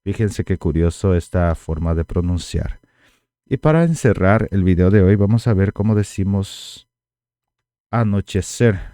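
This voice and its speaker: A man with a very low, mellow voice teaches a language lesson at an unhurried pace, stopping to repeat each word for his learners. The sound is dry and close, with no room echo. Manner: slow, explanatory, repeats words for learners. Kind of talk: casual online language lesson.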